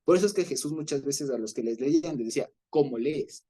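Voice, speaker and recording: A man leading an informal Bible study, explaining patiently, checking in with his listeners and pausing on fillers as he searches for words. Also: a little high, animated, mellow. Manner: explanatory, often checks in with a questioning "ya?"; hesitant, with fillers and restarts.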